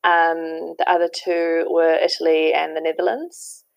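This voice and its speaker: Kiwi woman, low-ish voice, gravelly, chatty with lots of ums, dry sound. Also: level tone, measured pace, no echo, rough recording. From New Zealand. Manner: chatty, laughs often, many ums. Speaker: guest. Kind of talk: casual interview chat.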